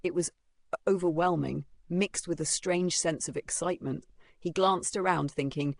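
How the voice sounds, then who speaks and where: A narrator telling a story recap with dramatic, halting phrasing, close on a dry mic. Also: mid-range voice, vocal fry, no echo.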